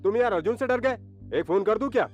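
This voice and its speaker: A blunt, goading friend of the hero, high for a man. The dub audio is a little dull and lo-fi, with faint music behind. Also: expressive, quick pace, darkish tone. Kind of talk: Hindi film dubbing.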